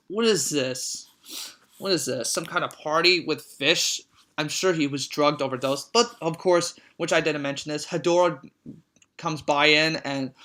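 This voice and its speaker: Bright, halting amateur film reviewer. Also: medium pitch. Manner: rambling, halting, with many restarts and repeated words; easily amused, reacts with disgust and disbelief. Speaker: movie reviewer. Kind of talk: casual spoken film recap.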